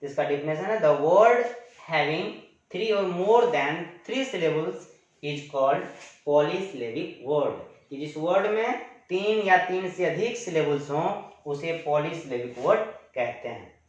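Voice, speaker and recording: A man's voice: fairly high pitch, expressive, slow pace. A man teaching grammar in a classroom-style lecture, explaining patiently, repeating each definition and drawing out example words in his terms. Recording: echoey room, dull lo-fi sound.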